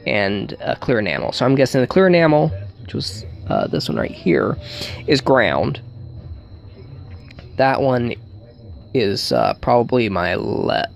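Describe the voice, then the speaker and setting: A man giving a casual hands-on tutorial, thinking aloud in a halting way as he works, with wry humour. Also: medium pitch, gravelly, muffled recording. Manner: thinks aloud while working, halting, wryly joking. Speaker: hobbyist demonstrating an electronics hack.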